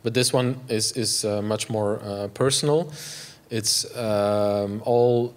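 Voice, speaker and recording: A Belgian man in his forties, native in Dutch and with a Flemish accent, speaks on a lapel mic during an artist talk in a gallery room. His pitch is fairly low and his tone steady, though he halts with many fillers and restarts.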